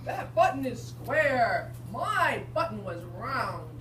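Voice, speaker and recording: A woman voicing an angry, wailing male toad from a children's storybook, loud and indignant. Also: on the high side, very animated, full character voice. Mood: wailing, frustrated. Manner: indignant, loud, drawn-out exclaiming. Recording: noisy, echoey classroom from a distance.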